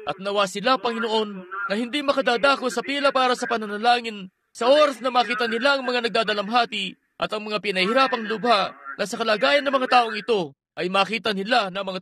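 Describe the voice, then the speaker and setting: A man preaching a sermon with earnest fervor, telling a healing testimony and leading a prayer. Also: extremely high pitch.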